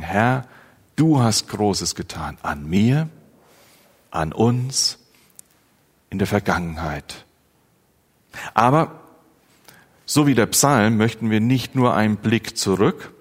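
A man preaching a sermon in a slow, earnest, pastoral manner, rising in emphasis at key phrases. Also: on the low side, lively intonation. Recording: long church reverb.

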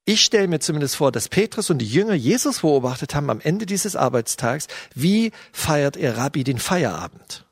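A man's voice: on the high side, very animated, moderate pace, vocal fry, few pauses, slightly rough, dry recording, clean studio sound. A middle-aged man giving a sermon, retelling a scene in a loose, storytelling way with fillers. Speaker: preacher.

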